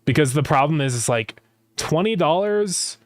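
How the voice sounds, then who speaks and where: A man's voice: on the high side, animated, moderate pace, no room sound. A man chatting casually as a game developer livestreamer, rambling as he thinks aloud, his speech slightly slurred by retainers. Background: music.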